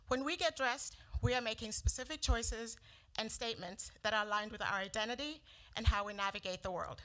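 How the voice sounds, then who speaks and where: A middle-aged South African woman whose first language is Sepedi gives a prepared startup pitch. She speaks in a measured, earnest way with a bright, forceful tone.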